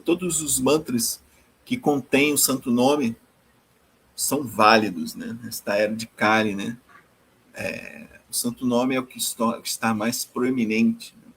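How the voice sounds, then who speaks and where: Husky male teacher, devotional scripture talk, mid-pitched, repeats himself, ends phrases on "né?". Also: fairly bright tone, poor audio. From Brazil. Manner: tags nearly every phrase with a questioning "né?"; repeats and restarts words while searching for phrasing. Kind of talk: scripture reading and commentary.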